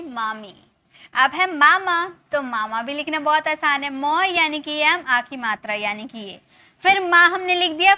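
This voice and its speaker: Lady teacher, high voice, spells stuff out slowly letter by letter. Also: bright, forceful tone. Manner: slow, spells words letter by letter. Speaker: English teacher. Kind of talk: step-by-step spelling lesson.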